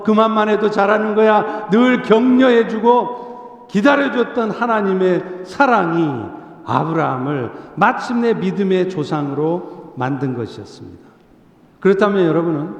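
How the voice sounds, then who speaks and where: A male Korean pastor preaching a sermon earnestly, sometimes acting out a gentle parent's words. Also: sits high, creaky, dull audio. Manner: earnest, coaxing, acts out gentle parent lines. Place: church sanctuary. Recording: echoey church hall.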